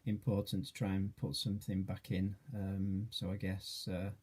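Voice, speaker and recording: A man's voice: deep voice, monotone, normal speed, a little mellow, husky. A man in his late forties from Yorkshire, introducing himself in a video as a charity trustee, hesitant and modest with many fillers. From Yorkshire, England. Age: 40s.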